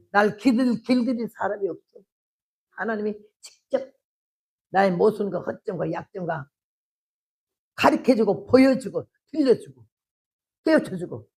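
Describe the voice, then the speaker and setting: Older woman missionary preacher, gravelly voice, lively storyteller who acts out dialogue and shouts for effect. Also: medium pitch. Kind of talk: testimony sermon.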